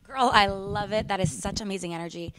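A woman's voice: mid-range voice, a little fast, poor audio. Bubbly enthusiastic woman host. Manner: bubbly, effusive. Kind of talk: enthusiastic talk show hosting.

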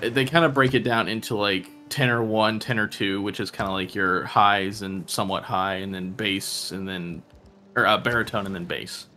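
A man's voice: lowish voice, steady tone, normal speed, pushed and bright, faint music behind. A young man co-hosting a podcast, chatting in an easygoing, hesitant way. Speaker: podcast co-host. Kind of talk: casual chat.

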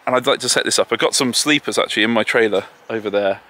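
A man's voice: lowish voice, fast talker, sharp tone. A man with an English accent giving a casual, chatty walking tour of his homestead outdoors, often poking fun at himself. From England. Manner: chatty and self-deprecating. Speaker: homesteader vlogger. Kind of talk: casual walk-and-talk tour. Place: outdoors in a garden and orchard. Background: distant tractors and farm vehicles.

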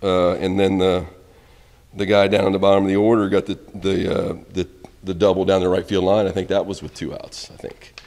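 Casual rambly coach guy at a postgame presser, really low voice, room echo, trails off at the end. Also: flat delivery, brisk. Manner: candid, rambling, trails off quietly at ends of answers. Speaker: college baseball head coach. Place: press room in front of a backdrop. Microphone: reporters' phones and handheld mics held close.

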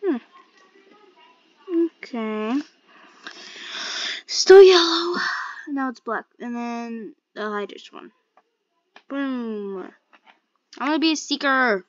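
A woman giving casual gameplay commentary as a streamer, excitable, exclaiming and muttering to herself as she plays. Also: on the high side, takes it slowly, long pauses, no echo, dull audio. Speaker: game streamer.

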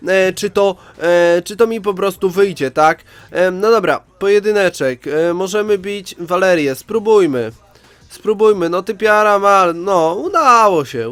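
A man hosting a laid-back let's-play talks right to his viewers, chatty despite a head cold that leaves him nasal and stuffed-up. The voice is high and fairly bright, and the recording is dry.

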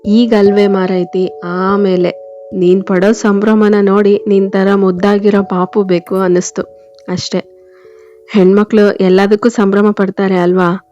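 A teasing, affectionate young husband, as a woman storyteller reads him, scolding gently in a flat, mellow voice. Dull lo-fi sound with faint music underneath. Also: medium pitch, a little slow, lightly acted. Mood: tender.

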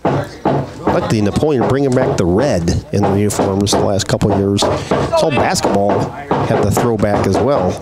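Man, baseball play-by-play, animated pitch, music underneath. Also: normal speed. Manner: lively, chatty play-by-play. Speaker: play-by-play announcer. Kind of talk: live baseball commentary.

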